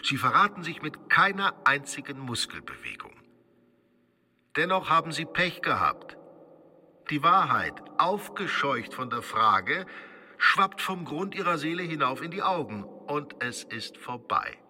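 An actor playing a sly stage conjurer in a radio drama, talking in a smooth, coaxing, mock-confidential way. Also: male voice, a little high, very animated, unhurried, sharp tone, exaggerated voice. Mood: persuasive. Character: sly male stage conjurer, probing and teasing.

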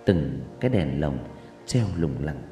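A man narrating a horror story in a suspenseful, drawn-out delivery with dramatic pauses. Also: a bass voice, very animated, mellow. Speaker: audiobook narrator. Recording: echoey reverb with background music.

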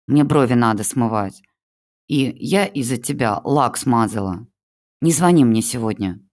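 A reader voicing a melodramatic older mother who plays a pitiful old woman and flatters her son-in-law in a gushing, theatrical manner, as an audiobook character. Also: mid-range voice, unhurried, lightly acted.

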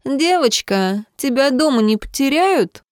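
A woman's voice: high voice, expressive, a little slow, a little mellow, no echo, studio quality, pitched above the performer's own voice. A woman voicing a mocking young woman who talks down to another girl.

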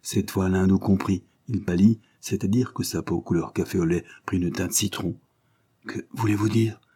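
A man reading a novel aloud as an audiobook narrator, in a measured, even storytelling manner. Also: low voice, slightly rough. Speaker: audiobook reader.

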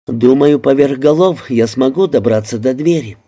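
A man voicing a calm, resourceful young American woman who reassures others. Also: mid-range voice, moderate pace, close to an everyday voice.

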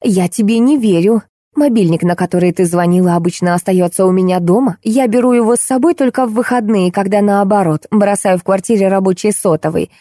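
A woman's voice: fairly quick, dark tone, no echo, close to an everyday voice. A woman voicing a rude, irritable middle-aged woman artist who snaps and accuses, in a dry close recording. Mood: angry. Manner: snapping, shrill, accusing.

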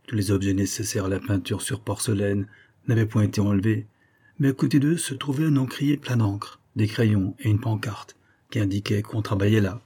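A man reads a classic novel aloud in a measured, even narration. His voice sits low and dark, with a husky grain. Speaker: audiobook narrator. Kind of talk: literary audiobook narration.

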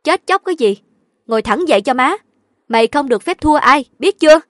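A woman's voice: high voice, lively intonation, unhurried, no room sound, studio quality. A woman voicing a domineering, scheming middle-aged mother who scolds her daughter. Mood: scolding. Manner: bossy, scolding.

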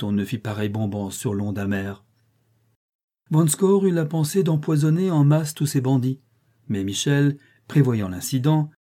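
A man reading a nineteenth-century short story aloud, with expressive, theatrical narration. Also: mid-range voice. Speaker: audiobook reader.

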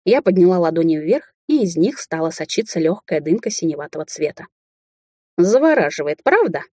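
A woman reads a first-person audiobook with a wry, sardonic edge. Her voice is low and mellow with a husky grain, recorded close and dry with no room sound. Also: lively intonation, a little fast, no echo. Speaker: audiobook narrator.

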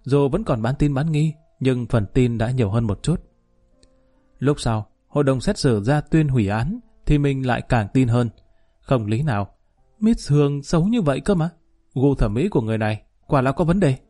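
A man's voice: medium pitch, animated, moderate pace, mellow, faint music behind. A man narrating a first-person story in a colloquial, wry and mocking way.

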